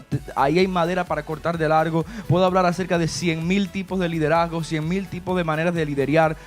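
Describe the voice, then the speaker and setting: A man pastor hosting a church talk show, talking in a chatty preaching manner with frequent tag questions. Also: a little high. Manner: preachy, warm and chatty, with many "¿verdad?" asides. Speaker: pastor and host.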